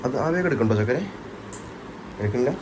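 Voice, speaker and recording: A man's voice: medium pitch, lively intonation, a little fast, noisy background. A young man from Kerala with a North Kerala Malayalam accent, chatting casually to viewers in a family vlog at home. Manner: chatty, addresses viewers as guys. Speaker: family vlogger.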